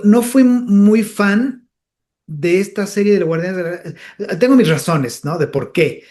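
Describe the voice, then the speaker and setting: A man, a comedian and voice actor, chatting as a guest in an interview and slipping into character voices as he tells stories. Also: high-pitched. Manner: animated storyteller who slips into character voices. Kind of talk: casual interview chat.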